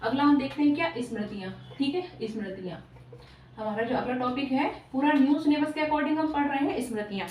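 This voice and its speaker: A woman's voice: sits high, brisk, a little mellow, slight background noise. Woman teaching in an echoey room. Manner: repeats "ठीक है" and quizzes with rhetorical questions. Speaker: exam-prep teacher. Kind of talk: whiteboard lecture. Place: classroom with a whiteboard.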